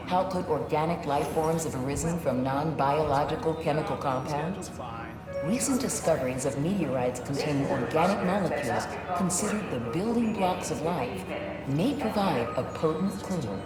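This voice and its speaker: A woman playing a formal announcer in a video game, reading scripted science exhibit narration in a measured manner. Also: low-pitched, lively intonation. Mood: formal, informative. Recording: echoey hall, loud music over it.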